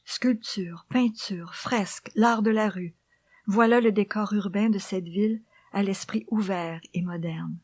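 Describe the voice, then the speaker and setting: A woman reads her own memoir and poetry in a hushed library whisper. Her delivery is slow and measured, with each phrase set down deliberately. The sound is dry and close, free of room echo, and her pitch sits in an average female range. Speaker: author reading her own book. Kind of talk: soft whispered reading of memoir and poems.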